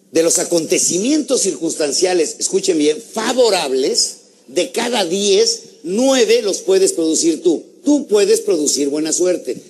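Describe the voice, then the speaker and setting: A man giving a lively motivational talk, asking his audience questions and acting out little stories. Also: on the high side, breathy edge. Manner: animated, asks the audience questions, acts out stories. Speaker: motivational speaker.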